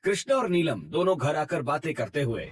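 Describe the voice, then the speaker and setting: A man narrating an animated family story in a steady, scripted storytelling manner. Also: fairly high pitch, brisk, breathy edge.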